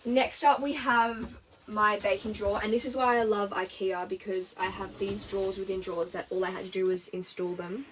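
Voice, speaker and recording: A young woman in her early twenties gives a casual tour of her converted bus, chatty and quick to laugh. Her voice sits at a medium pitch. She is recorded by a camera some distance away, with clear noise behind her. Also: fairly even intonation. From Australia. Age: early 20s. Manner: chatty, laughs often, recommends things. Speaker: vlogger giving a bus tour. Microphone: camera held by her sister.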